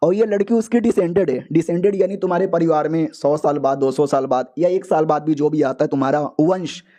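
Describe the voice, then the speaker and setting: A man's voice: on the high side, brisk, dark tone. A man casually retelling a comic story in a chatty, slangy way, as a recap host. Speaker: manga explainer.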